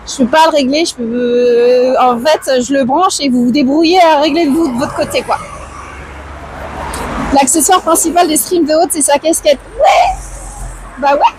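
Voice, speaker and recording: Hoarse, high-voiced woman livestreaming. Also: normal speed, noisy background. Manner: chatty, slangy, reads out and answers chat. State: hoarse, tired strained voice. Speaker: live streamer chatting with viewers. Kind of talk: casual chat, IRL livestream. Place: outdoors, walking through town streets.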